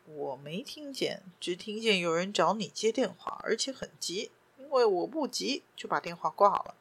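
A woman voicing a calm, courteous male banker who speaks softly and lower than her usual voice. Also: normal speed, slightly rough. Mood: polite calm. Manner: soft, courteous, unruffled. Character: calm, polite middle-aged male banker.

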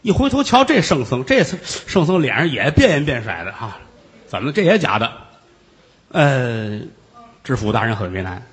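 A man telling a traditional comic story in storyteller style, animated and switching voices for the characters. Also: mid-range voice, normal speed, husky.

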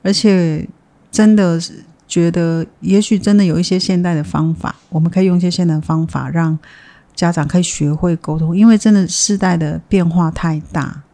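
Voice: medium pitch, steady tone, moderate pace, mellow. An adult who runs community childcare, speaking thoughtfully in an interview and often restarting phrases. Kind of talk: reflective interview talk.

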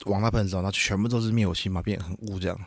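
Fast-talking Taiwanese man telling stories. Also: low voice, no echo. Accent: Taiwanese Mandarin. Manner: animated, laughing storyteller who acts out quotes. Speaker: podcast host. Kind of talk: casual storytelling chat. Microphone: studio microphone.

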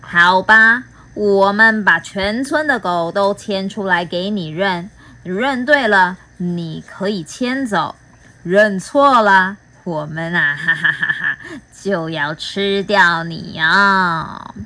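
A woman voicing a group of scary, teasing monsters in a storybook read-aloud, speaking slowly and drawn out. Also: medium pitch, bright, forceful tone. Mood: menacing. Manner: slow, drawn-out, with a mock-evil laugh.

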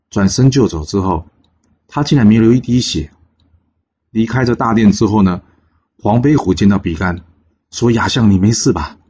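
Deep husky storyteller man. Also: dull audio. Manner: lively, chatty, with many filler particles. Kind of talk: oral storytelling of a folk legend.

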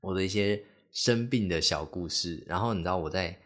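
A young man talks through a casual solo podcast in a very deep, low voice. He rambles and leans on fillers, breaking now and then into little acted-out quotes. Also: fairly quick, fairly bright tone. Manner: rambling, heavy on fillers, acts out quoted speech. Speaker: podcast host.

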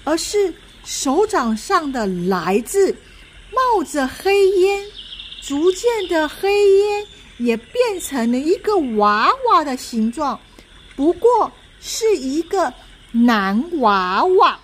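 Expressive woman reading a children's story. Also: very high-pitched, slow pace. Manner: expressive, dramatic read-aloud.

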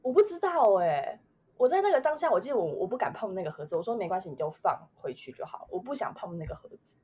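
A young woman with a Taiwanese Mandarin accent recounts a personal memory on a chatty podcast. She talks in loose, rambling runs full of fillers and trailing asides, in a mid-pitched voice. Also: big pitch swings, quick pace, mellow, slight background noise. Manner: rambling, many fillers, emotional recollection. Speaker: podcast co-host. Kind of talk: casual chat, personal storytelling.

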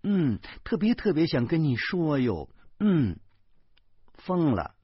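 A man voicing a furious, nagging middle-aged wife who scolds in shrill, stammering outbursts, on a dull, dry recording. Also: sing-song, slow pace, slightly rough, no echo, heavily acted. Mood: coy.

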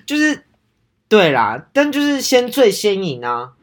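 A woman co-hosting a podcast, mostly reacting and asking questions in relaxed chat. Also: medium pitch, unhurried. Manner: reactive listener, short replies, asks questions. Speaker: podcast co-host. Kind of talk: casual chat.

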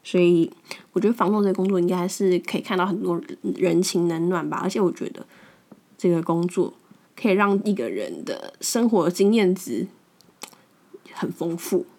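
A woman's voice: fairly low pitch, animated, normal speed, darkish tone. A young woman with a Taiwanese Mandarin accent, hosting a podcast and telling stories in a frank, blunt way, often repeating words as she restarts. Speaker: podcast host. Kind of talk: casual storytelling monologue.

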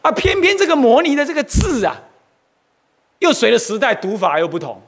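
A man's voice: very high-pitched, fairly quick. A male Buddhist monk gives a lecture on Buddhist history, often asking his listeners questions and exclaiming. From Taiwan. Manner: animated, asks the audience questions, exclaims often.

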